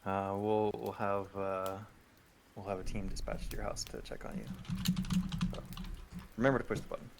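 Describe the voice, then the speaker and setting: A man running a tabletop horror game over group voice chat, talking in a relaxed, rambling way with many ums. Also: lowish voice, normal speed, pauses often, very noisy. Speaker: game master.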